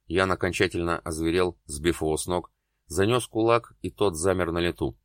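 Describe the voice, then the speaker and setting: A man narrating a dramatic novel as an audiobook, in steady storytelling. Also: low voice, moderate pace, dry recording, clean studio sound. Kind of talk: scripted narration.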